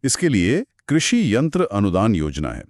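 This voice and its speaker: A man's voice: lowish voice, wildly swooping pitch, normal speed, darkish tone, no room sound, clean studio sound. A man co-hosting a scripted explainer chat, explaining details patiently. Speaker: co-host.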